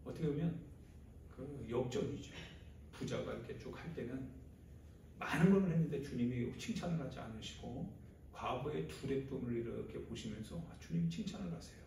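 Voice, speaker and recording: A male pastor preaching a sermon, moving from quiet storytelling to loud, impassioned outbursts. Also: mid-range voice, normal speed, vocal fry, a little hiss or hum. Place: church sanctuary. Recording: very echoey church hall, from far off.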